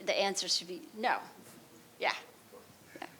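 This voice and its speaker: A Nepali immunology researcher gives a public science talk and takes audience questions, explaining things earnestly and often restarting her sentences. Her voice is on the low side, steady and sharp in tone, at a measured pace, with a little hiss or hum in the recording.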